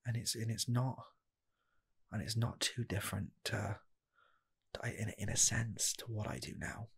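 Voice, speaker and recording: In a comedic ASMR job interview, a roleplayer in his twenties plays an eager, nervous rocket scientist applying for fast-food work. His exaggerated, lowish voice is soft, husky, and gravelly, slipping into whispers as he stammers haltingly and repeats phrases.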